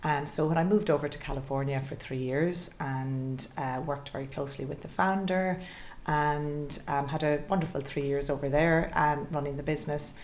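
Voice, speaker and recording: A woman's voice: deep voice, steady tone, moderate pace, a little mellow, a little hiss or hum. A woman in her late forties with a west of Ireland accent, telling her career story conversationally as an interview guest. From Galway, west of Ireland. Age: late 40s. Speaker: interview guest, chief executive.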